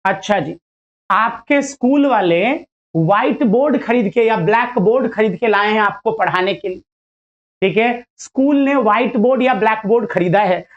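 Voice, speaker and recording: A man's voice: very high voice, muffled recording. A male teacher giving a casual lecture to students, chatty and playful, acting out little dialogues as he explains.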